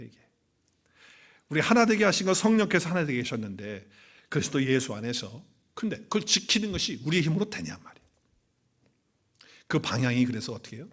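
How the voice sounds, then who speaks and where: A man's voice: mid-range voice, slightly rough. A male pastor preaching a Sunday sermon in a conversational, storytelling way. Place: church sanctuary.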